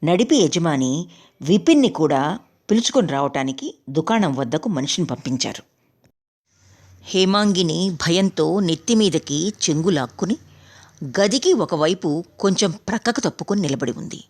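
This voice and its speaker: Low-voiced woman reading a storybook. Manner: steady, measured reading. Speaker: narrator. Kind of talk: audiobook storytelling.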